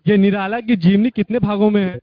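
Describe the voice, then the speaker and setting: Male student caller, high voice, polite, tinny phone-like sound. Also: fairly even intonation, a little fast, dry recording. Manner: polite, hesitant, corrects himself.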